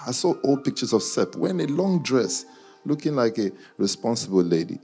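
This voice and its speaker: Very animated and brisk, this man's mid-range, dark-toned voice comes over soft background music. He has Nigerian roots, a childhood partly in Guyana, and UK schooling, and in a London accent he chats in a casual, slangy way to a live audience and online viewers, poking fun at his listeners.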